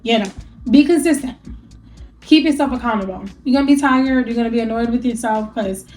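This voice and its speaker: Chatty woman vlogger, mellow voice. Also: fairly high pitch, brisk, soft background music, rough recording. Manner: chatty, candid and encouraging, laughs often. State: allergies, a bit stuffy after a rough night. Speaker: vlogger sharing a weight loss journey. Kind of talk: casual talk to camera.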